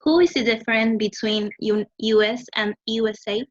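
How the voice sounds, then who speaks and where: A woman's voice: fairly high pitch, steady tone, unhurried, dry recording, highs cut off. A woman student, politely asking a hesitant question in English class.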